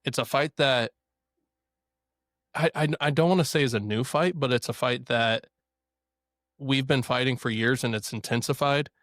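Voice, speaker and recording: Male guest from Missouri, chatty storyteller, mid pitch, dry close mic. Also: moderate pace, pauses often, a bit bright, no room sound. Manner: chatty, laughs easily, storytelling. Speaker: podcast guest. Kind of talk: casual conversation.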